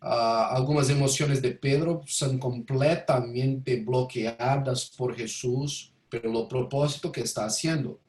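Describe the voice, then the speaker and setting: Halting non-native Spanish speaker, echoey man. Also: mid-range voice, fairly even intonation, darkish tone, recorded from a distance. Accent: non-native Spanish, Portuguese-influenced. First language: not Spanish. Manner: halting, searching for words. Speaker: student in an online class. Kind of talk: hesitant class discussion. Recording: roomy, echoey voice pickup.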